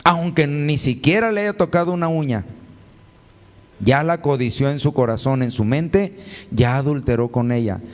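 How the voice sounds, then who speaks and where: A man's voice: a little high, normal speed. Preaching man in a reverberant church. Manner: preaches with frequent rhetorical questions to the congregation; addresses listeners as brothers and sisters. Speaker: pastor. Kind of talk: sermon.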